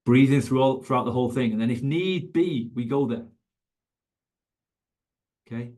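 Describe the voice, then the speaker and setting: Male coach, mid-pitched, emphatic webinar delivery with repeated points. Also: normal speed, mellow. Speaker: fitness coach educator.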